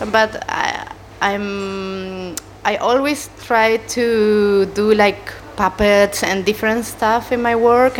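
Female interviewee in her thirties, Chilean Spanish accent, non-native English, slow halting delivery full of fillers, faint background noise. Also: mid-range voice. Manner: hesitant, searching for English words, many fillers. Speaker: animator, interview guest. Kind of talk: casual interview answers.

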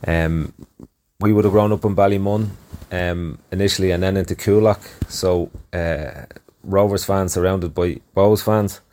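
A football manager speaks unscripted about his father. His voice is deep and quite monotone. He stumbles and restarts often as he goes. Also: a little slow. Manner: hesitant, many ums and restarts. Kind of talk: unscripted spoken tribute.

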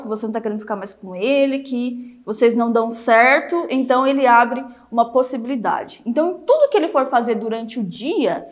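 A young woman from Brazil teaching a live online class as a marriage coach, emphatic and repetitive, often ending with tag questions. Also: a little high.

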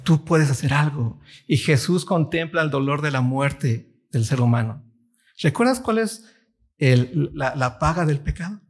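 A man's voice: on the high side, lively intonation, measured pace, husky. A man preaching a sermon, reading scripture aloud and questioning his listeners. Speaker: pastor.

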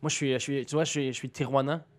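An eager man from a Mexican border town rambles and stumbles through his words, as a man plays him. His pitch stays in the middle. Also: little pitch movement, fast, natural voice.

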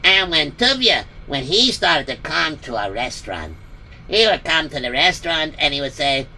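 A man's voice: fairly high pitch, big pitch swings, normal speed, pushed and bright, a little hiss or hum. A man narrating a story casually, rambling with many fillers and repetitions.

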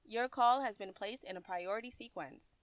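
A woman voicing recorded phone menu prompts in a polite, even, measured way. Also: medium pitch, no echo. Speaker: automated phone system voice.

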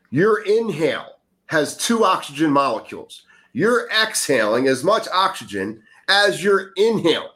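A man's voice: a little high, bright, forceful tone. A man speaking earnestly in a casual podcast conversation, coaching listeners on breathing, sometimes growing emphatic. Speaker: breathwork guest.

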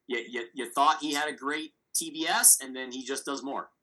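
A man with a bright, forceful voice chats casually as a podcast co-host. He talks through his analysis aloud, rambling and circling back. His pitch sits in the middle. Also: steady tone, normal speed, poor audio. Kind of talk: casual sports chat.

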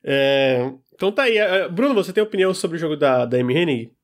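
A man's voice: on the high side, animated, fast talker. A man with a Brazilian Portuguese accent hosting a casual podcast chat about video game news. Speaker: podcast host.

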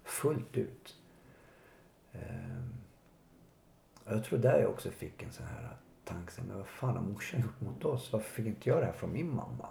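A man telling his life story in an interview, halting and reflective with many pauses. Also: on the low side, big pitch swings, gravelly, warm tone. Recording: echoey room with faint noise.

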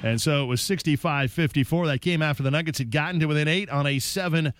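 A man's voice: a little high, quick pace, a bit bright, dry recording. A man hosting a sports broadcast, narrating a recap of a game. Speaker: sports radio host.

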